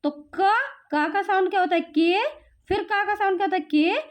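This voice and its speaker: A woman from India leads a phonics lesson for a young learner. Her voice sits very high, and she takes each sound slowly, quizzing and repeating with steady patience. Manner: slow, patient drilling with repeated questions. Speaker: teacher. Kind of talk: home phonics lesson for parents.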